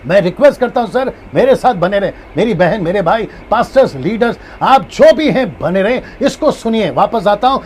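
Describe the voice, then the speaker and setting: High-voiced male pastor teaching. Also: expressive, normal speed, hardly any pauses, darkish tone, slight background noise. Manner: repeats key points, acts out tones of a phrase. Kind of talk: live-streamed Bible teaching.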